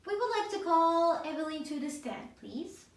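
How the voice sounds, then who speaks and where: A woman's voice: very high-pitched, expressive, normal speed, loud music behind the voice. A young woman playing a boastful Crown prosecutor in an amateur courtroom role-play. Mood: confident. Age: young adult. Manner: boastful, brash. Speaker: prosecutor in a mock trial. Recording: roomy echo.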